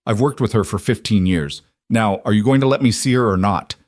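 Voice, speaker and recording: A man's voice: on the low side, a little fast, a little mellow, dry recording, clean studio sound, close to an everyday voice. A man reading as a brusque rich executive. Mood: impatient. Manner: curt, impatient. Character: wealthy middle-aged male executive, brusque.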